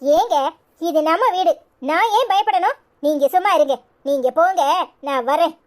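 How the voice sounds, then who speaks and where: A sharp-tongued young wife orders people around, voiced by a woman. She has a Tirunelveli Tamil accent and a high, thin voice. Her manner is defiant and scolding in this cartoon. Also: normal speed. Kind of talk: cartoon voice acting.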